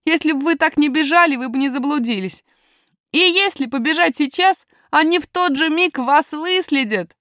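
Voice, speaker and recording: A woman's voice: high voice, moderate pace, fairly bright tone, no echo, clean studio sound, pitched above the performer's own voice. A woman reading a storybook, voicing a bold, earnest young miner boy in a firm, matter-of-fact way. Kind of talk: audiobook character voice.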